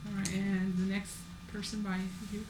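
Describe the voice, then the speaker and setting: A woman's voice: medium pitch, level tone, moderate pace. Chatty woman interviewer in an echoey room. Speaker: interviewer gathering family history. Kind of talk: informal group interview. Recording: echoey room, clear background noise.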